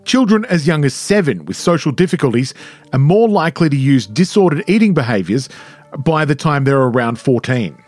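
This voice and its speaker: A male reporter giving clear, scripted narration that explains facts for the audience. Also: on the high side, sing-song, fairly quick, a little mellow, no echo, faint music behind.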